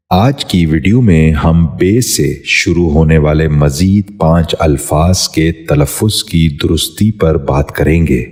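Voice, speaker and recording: A man narrating a scripted pronunciation lesson, formal and courteous, repeating each word slowly and carefully. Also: low-pitched, warm tone. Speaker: Urdu pronunciation teacher.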